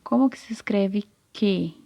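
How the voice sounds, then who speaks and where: A Brazilian woman teacher giving a recorded reading lesson to young children. She sounds out syllables deliberately and keeps checking that the child is following. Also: mid-range voice, gravelly, mellow. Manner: slow, deliberate, stretches out syllables and checks in often.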